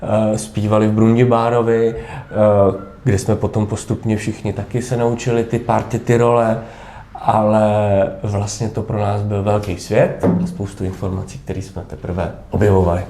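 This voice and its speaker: Actor guy in his 30s chatting in an interview, lowish mellow voice, lots of uh and restarts, echoey room. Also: level tone, a little hiss or hum. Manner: thoughtful, frequent hesitations and restarts. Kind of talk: relaxed interview answers. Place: theatre backstage room.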